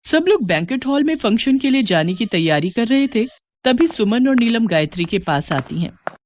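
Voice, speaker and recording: A woman's voice: a little high, no echo. Woman narrating a moral story, dry voice. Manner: even, measured storytelling.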